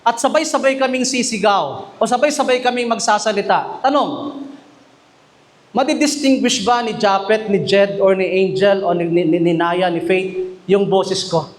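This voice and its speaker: A man preaching a sermon as pastor, mixing English and Tagalog and often asking the congregation questions. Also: high voice. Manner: mixes English and Tagalog, often asks the congregation questions, reads verses slowly. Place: church chapel.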